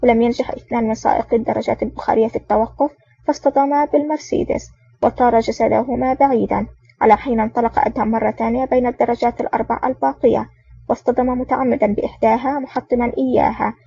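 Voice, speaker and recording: A woman narrating an action novel as an audiobook with brisk, even reading. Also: fairly high pitch, vocal fry, breathy edge, no room sound. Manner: brisk, even reading with small slips and restarts. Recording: dull lo-fi audio.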